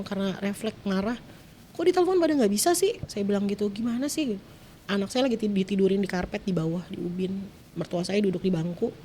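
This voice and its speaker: A woman's voice: medium pitch, warm tone, a little hiss or hum. A woman, a guest telling her own story in short clipped phrases, distressed and close to tears at times, her voice jumping up whenever she quotes someone. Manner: retells events in short clipped phrases, voice jumping up when quoting. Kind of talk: emotional personal storytelling.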